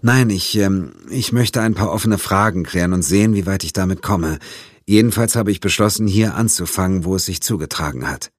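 A composed female FBI agent, direct and matter-of-fact, as a male narrator puts her on. His voice is lifted somewhat above his own deep register, and the close, dry recording of an audiobook is unchanged. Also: brisk, no echo. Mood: calm. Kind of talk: audiobook character voice.

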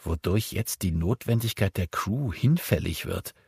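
Ein Mann spricht in einem Hörbuch einen jungen Hacker, trocken und konzentriert. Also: male voice, low voice, expressive, measured pace, vocal fry, a little mellow, breathy edge, dry recording, studio quality, exaggerated voice. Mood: nüchtern. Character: young male hacker, wry and focused.

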